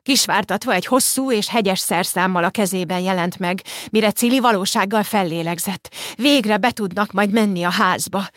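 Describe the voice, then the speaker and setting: A woman narrating an audiobook in a calm, measured storytelling manner. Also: mid-range voice, no room sound, studio quality. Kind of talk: scripted narration.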